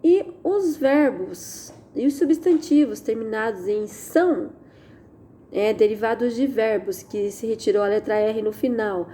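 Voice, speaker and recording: A Brazilian woman teacher giving a recorded lesson, patiently explaining and often checking that students follow, slowing down to stress key sounds. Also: fairly high pitch, warm tone, slight background noise. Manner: patient, checks understanding with tag questions. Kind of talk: recorded online Portuguese lesson.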